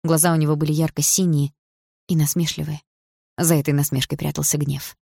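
A low-voiced woman narrating a novel in an even, measured reading. Her voice is close and dry, with no room sound around it. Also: gravelly, slightly rough, dry recording. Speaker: audiobook narrator. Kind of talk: scripted narration.

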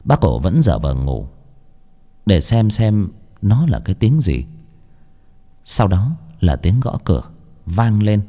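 A man's voice: on the low side, very animated, slow pace, pauses often, mellow. A man narrating a ghost story expressively and voicing each figure. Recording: faint background music.

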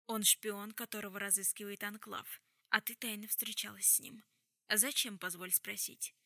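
Lady reading a cold strict woman boss, flat measured voice, bit of fry. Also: medium pitch, no room sound, clean studio sound. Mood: stern. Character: stern, composed woman in charge.

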